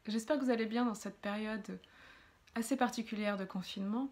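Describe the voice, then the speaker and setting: A woman speaks directly to listeners as a relaxation coach, explaining a breathing exercise gently, phrase by phrase. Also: fairly high pitch, brisk. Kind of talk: guided breathing exercise, spoken directly to viewers.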